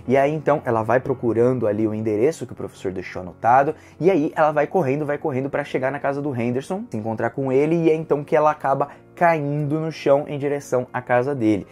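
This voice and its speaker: Excitable Brazilian man reviewing manga. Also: medium pitch, quick pace, hardly any pauses, soft background music. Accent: Brazilian Portuguese. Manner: animated, emotional retelling with slangy fillers. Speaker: manga reviewer, channel host. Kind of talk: casual video review.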